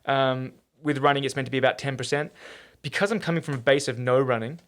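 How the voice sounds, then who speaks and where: A man talks at a brisk clip in a relaxed podcast chat. His voice sits at an ordinary middle pitch, and he keeps piling on fillers and restarting sentences as he goes. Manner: fast, animated, lots of fillers and restarts. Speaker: podcast host and trainer.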